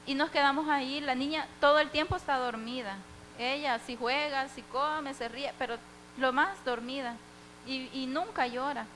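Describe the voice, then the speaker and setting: A woman's voice: high-pitched, normal speed, a bit bright, slight background noise, poor audio. A young woman giving a heartfelt church testimony, acting out the dialogue as she tells it.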